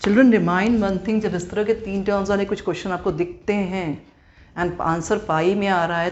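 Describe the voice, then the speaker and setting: A woman's voice: lowish voice, darkish tone. A woman maths teacher with an Indian English accent, going through a lesson step by step and asking her students check questions. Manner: slow and deliberate, reading out each step. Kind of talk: classroom lesson mixing Hindi and English. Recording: dull lo-fi recording with faint noise.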